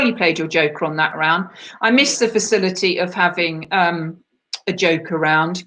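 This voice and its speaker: A woman hosting an online quiz over a video call, reading out the answers in a chatty, self-deprecating way and laughing at herself. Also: on the low side. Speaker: quiz host.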